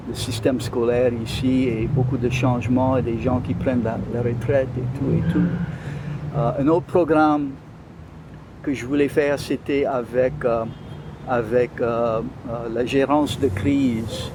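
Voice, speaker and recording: Against background noise, a mid-range male voice with a Louisiana French accent answers interview questions conversationally. As the guest, he frequently hesitates while he looks for the right words.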